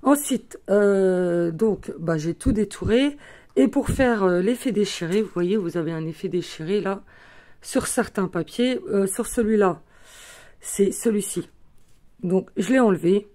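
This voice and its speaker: A woman's voice: medium pitch, measured pace, mellow. A woman hosting a craft tutorial, chatting casually as she shows her materials, with many small fillers. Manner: chatty, fills with "euh" and "voilà", talks while handling materials.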